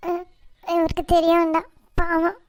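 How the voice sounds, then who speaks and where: A woman's voice: extremely high pitch, completely flat delivery, a little slow. A woman voicing a meek young wife in a cartoon, hesitant and pleading. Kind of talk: cartoon voice acting.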